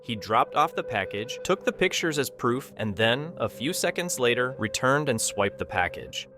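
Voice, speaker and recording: A man's voice: medium pitch, very animated, normal speed, background noise. A man reading scripted video narration in a conversational, disapproving way with rhetorical asides. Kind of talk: scripted narration of caught-on-camera clips. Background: prominent music bed.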